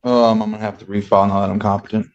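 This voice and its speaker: A man representing himself as a defendant, answering a judge in short, halting replies. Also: on the low side, flat delivery, highs cut off.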